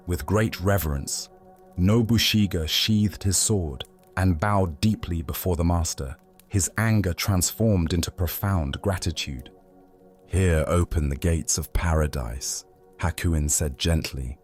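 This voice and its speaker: A man with a very low, deep voice narrates a soothing story for sleep. His delivery is soft, measured and reflective, and gentle music plays faintly in the background. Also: slightly rough.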